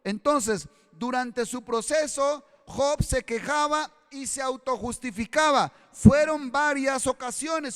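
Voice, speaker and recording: A Costa Rican man preaching a sermon as pastor in a church, swinging from loud pleading to hushed asides. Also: very high voice. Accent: Costa Rican Spanish. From Costa Rica. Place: church hall. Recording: long church-hall reverb.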